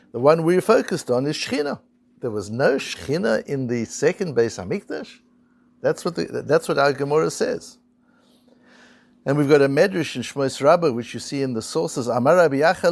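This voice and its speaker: A man's voice: on the high side, vocal fry, dry recording. A man teaching a Talmud lesson, reading Hebrew and Aramaic quotes, translating them and asking rhetorical questions. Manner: explains slowly, reads Hebrew and Aramaic quotes then translates. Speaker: Torah teacher.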